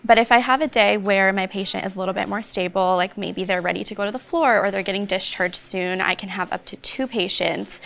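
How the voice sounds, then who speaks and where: A woman's voice: medium pitch, vocal fry, fairly bright tone. A woman in her twenties, a pediatric ICU travel nurse, chatting in a panel and explaining her work in detail. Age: 20s. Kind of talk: casual panel chat. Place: indoor cafe.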